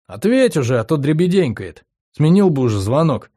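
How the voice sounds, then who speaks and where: A man's voice: a little high, big pitch swings, normal speed, warm tone, pitched above the performer's own voice. A man reading an audiobook, voicing a blunt, impatient Danish man who speaks in exclamations.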